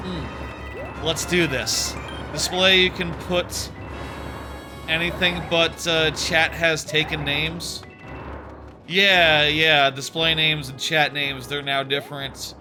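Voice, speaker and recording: Game music runs underneath as a man casually chats through his gameplay stream, rambling and leaning on fillers. His fairly high voice holds a steady tone at a slow pace, and he's a bit sniffly from a sore throat.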